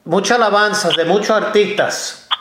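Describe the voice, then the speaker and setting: A man from the United States hosting an interview, halting and repeating his words. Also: high-pitched, fairly bright tone, reverberant. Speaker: host.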